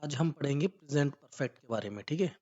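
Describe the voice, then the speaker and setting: A man teaching an English grammar lesson, explaining patiently and repeatedly checking that listeners follow, with slow drawn-out example sentences. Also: fairly high pitch, lively intonation, darkish tone. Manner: patient, repetitive explaining, often checking "right?". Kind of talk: classroom-style grammar lesson. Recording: slightly dull lo-fi recording.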